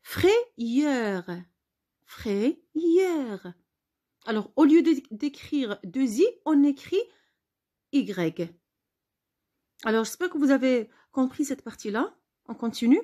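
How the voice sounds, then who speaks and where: A woman teacher giving a spelling lesson, patiently repeating words slowly for her pupils. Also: sits high, animated, dark tone.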